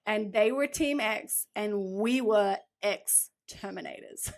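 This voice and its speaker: A woman's voice: medium pitch, takes it slowly. A woman, a guest athlete and coach telling a story in a casual chat, acting out the lines she quotes. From New Zealand. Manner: animated, acts out quoted dialogue, laughs often.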